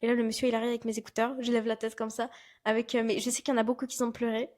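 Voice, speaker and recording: A young woman from France in her twenties, co-hosting a casual podcast chat, telling an animated story and acting out what people said. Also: fairly high pitch, rapid-fire, a little hiss or hum. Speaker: podcast co-host.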